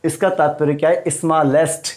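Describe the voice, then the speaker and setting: A man's voice: on the high side, level tone, fairly quick, darkish tone. A man teaching a grammar lesson, stressing each term, repeating it and quizzing the viewer.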